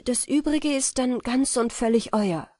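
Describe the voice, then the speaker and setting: Frau liest einen jungen, edlen Goldschmied. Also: female voice, fairly high pitch, measured pace, warm tone, no room sound, clean studio sound, voice pushed up. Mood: eager. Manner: formal, polite, old-fashioned speech. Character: young noble-minded male goldsmith, modest.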